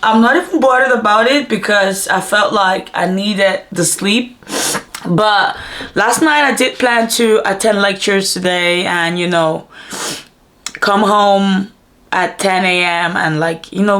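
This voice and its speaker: Taking her time, a young woman student chats to camera in her apartment, her mid-range voice a bit bright and reverberant. The vlog is loose and rambling, peppered with fillers.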